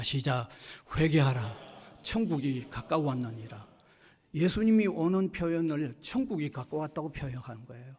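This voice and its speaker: A man with a high, ringing voice delivers a sermon in a church sanctuary, pressing his points by saying key phrases twice. His words trail off into a long hall reverb. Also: warm tone. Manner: emphatic preaching, repeating key phrases. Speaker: pastor.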